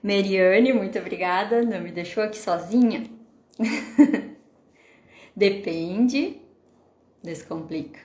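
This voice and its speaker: A woman therapist with a Brazilian Portuguese accent, hosting a live stream. She explains calmly and keeps checking in with the viewers with questions. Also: medium pitch, slow pace, long pauses, echoey room. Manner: explanatory, asks the audience questions, frequent "né?".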